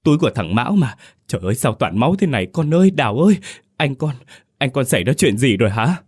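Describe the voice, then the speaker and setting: A man's voice: mid-range voice, sing-song, fast, a little mellow, slightly rough, voice pushed up. A man voicing an elderly village mother in a ghost story audiobook, stammering and wailing in a raised voice. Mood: frantic wailing.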